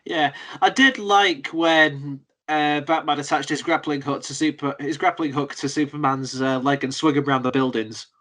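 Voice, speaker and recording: A man's voice: a little high, steady tone, normal speed, hardly any pauses, bright, forceful tone. A young man co-hosting a radio film show, talking casually and hesitantly with many fillers and restarts.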